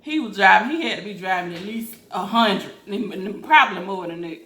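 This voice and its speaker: A woman's voice: medium pitch, lively intonation, a little fast, bright, forceful tone. A woman chatting informally in a rambling storytime style during a mukbang. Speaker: mukbang vlogger. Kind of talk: casual storytime chat while eating. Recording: roomy echo, faint background noise.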